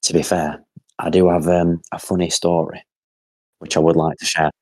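A man's voice: low-pitched, flat delivery, normal speed, darkish tone, no room sound. A young man, a podcast co-host rambling through a funny story with lots of fillers and swearing. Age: young adult. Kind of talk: casual chat and anecdote.

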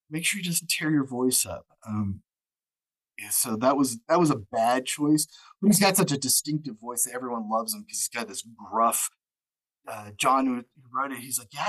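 A man's voice: medium pitch, low-quality recording. A man, an audiobook narrator, talking casually in an interview, rambling with many fillers and restarts and acting out quotes. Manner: acts out quotes and laughs often. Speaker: audiobook narrator, podcast guest.

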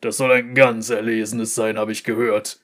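Man putting on a gruff rumbling giant brewer. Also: level tone, normal speed, a bit bright, natural voice. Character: huge scarred brawny brewer, gruff and blunt.

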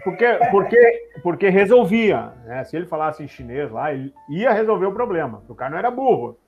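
A middle-aged man, a former airline pilot telling stories in a relaxed interview, using many tag questions. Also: sits high, fairly quick, dull audio, soft background music. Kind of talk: casual interview chat.

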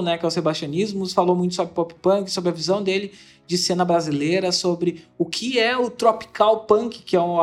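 This podcast host, a man with a Brazilian Portuguese accent, rambles enthusiastically through a casual interview intro. He has a high voice with a darkish tone.

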